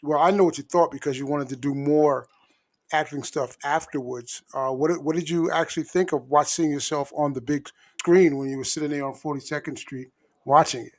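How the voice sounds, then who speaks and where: A man's voice: a little high, steady tone, fairly quick. A man hosting a casual interview, affirming his guest and asking long, wandering questions. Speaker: talk show host.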